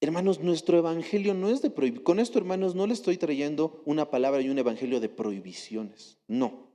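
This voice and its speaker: A man's voice: fairly high pitch, brisk. A young adult man with a Bolivian Spanish accent, preaching a sermon and telling stories with rhetorical questions. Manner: storytelling with rhetorical questions, animated quotes. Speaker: lay preacher. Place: church hall. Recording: long church reverb.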